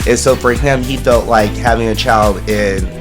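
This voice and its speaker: A man, telling his story as an interview guest in a podcast studio, friendly and quick to laugh. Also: medium pitch, fairly even intonation, music in the background. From San Francisco Bay Area, California. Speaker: guest, actor and dancer. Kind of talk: casual interview chat.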